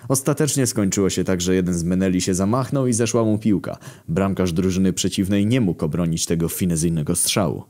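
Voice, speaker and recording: A man's voice: deep voice, warm tone. A man reading a scripted comic story in first person, dry and matter-of-fact with mock-heroic swagger. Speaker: story narrator.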